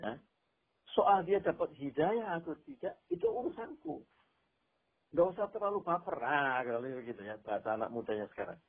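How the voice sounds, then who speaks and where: A male Islamic preacher giving a casual Quran commentary lesson over an online call, animated and explaining through spoken examples and repetition, with a tinny phone-line sound. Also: a little high, normal speed, slightly rough.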